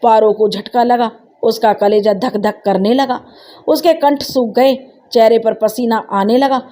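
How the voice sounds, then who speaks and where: Mellow-voiced woman narrating a story. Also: on the high side, fairly even intonation, unhurried.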